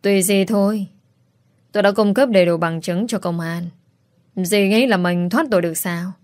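A woman voicing a cold, determined young man in a story reading, speaking in a measured way. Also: mid-range voice, fairly even intonation, darkish tone, no room sound, lightly acted.

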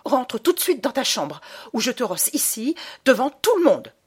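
A woman's voice: fairly high pitch, sing-song, normal speed, a little mellow, husky, pitched above the performer's own voice. A woman voicing an embarrassed mother who speaks in a strangled, stammering voice in an audiobook. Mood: stern threat. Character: flustered, embarrassed hotel-guest mother. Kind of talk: audiobook character reading.

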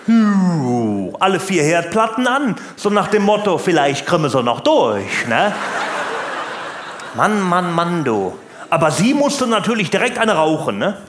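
A comedian voicing a loud, blunt older working-class man who keeps tacking on short questions. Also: very animated, measured pace, reverberant, background noise. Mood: mocking. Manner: blunt, tag questions, jumps in pitch. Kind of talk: stand-up routine and prank call.

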